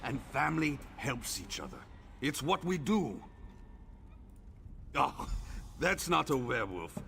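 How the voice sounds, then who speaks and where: A man's voice: medium pitch, sing-song, takes it slowly, gravelly, a bit bright, slight background noise, exaggerated voice. An actor playing a friendly, effusive male hunter who welcomes a newcomer like a big brother, in video game dialogue. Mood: eager. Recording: game audio with faint music.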